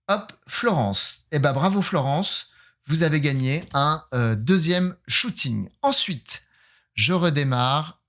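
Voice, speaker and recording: A man's voice: mid-range voice, fairly bright tone. Playful French-speaking man vlogging. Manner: playful, self-mocking, hesitant with frequent fillers. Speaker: photographer running a giveaway. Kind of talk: casual vlog, joking.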